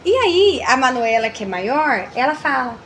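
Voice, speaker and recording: A woman's voice: sits high, moderate pace, a little hiss or hum. A Brazilian woman talking casually as a mentor about faith and family, acting out quoted dialogue. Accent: Brazilian Portuguese. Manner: animated, acts out quoted dialogue. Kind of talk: casual faith-based chat.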